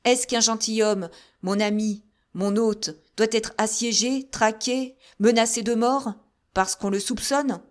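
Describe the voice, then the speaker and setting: A woman's voice: fairly high pitch, steady tone, unhurried, pitched above the performer's own voice, close to an everyday voice. A woman doing a stern imperious general. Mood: scolding. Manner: imperious, rhetorical reproaches. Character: commanding stern male general, calm authority. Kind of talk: audiobook character reading.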